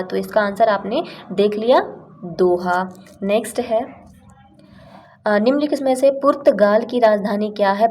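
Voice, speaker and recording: A woman's voice: medium pitch, dark tone, a little hiss or hum. A young woman teaching exam facts in a casual, chatty way, using playful memory tricks. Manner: chatty, explains with playful rhymes and acted-out lines.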